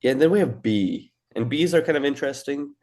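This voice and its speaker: A young man teaching a language in a relaxed, casual way, with filler words and restarts. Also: medium pitch, fairly quick. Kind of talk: casual lesson.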